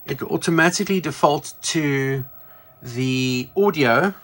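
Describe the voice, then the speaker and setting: On the high side and a bit bright, this man's voice stays unhurried as he hosts a casual show-and-tell on his video channel. He chats and muses aloud while demonstrating a product, frequently correcting himself.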